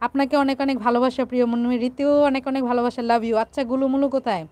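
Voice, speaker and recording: A woman's voice: high-pitched, flat delivery, rapid-fire, a little mellow, dry recording. A playful, teasing woman from Bangladesh hosting a casual live stream and reading out viewer comments.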